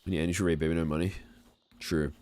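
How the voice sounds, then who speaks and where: Speaking quickly in a deep, slightly mellow voice with a steady tone, a man in his 40s plays an amiable frontier fellow on his game livestream. His put-on American Southern accent and courtly, folksy phrasing come close to his everyday voice as he chats casually.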